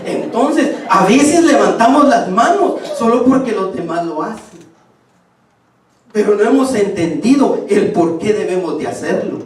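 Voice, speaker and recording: Emphatic preacher in an echoing church. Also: male voice, high voice, animated, a little slow, background noise. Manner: emphatic, speaks to the congregation directly. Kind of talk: sermon. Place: church hall. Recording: echoey hall, distant mic.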